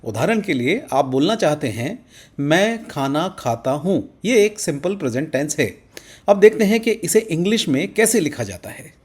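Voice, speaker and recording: A man teaching English to Hindi speakers in an Indian accent, saying each example sentence slowly and word by word. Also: a little high, very animated, husky. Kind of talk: slow explanatory language lesson.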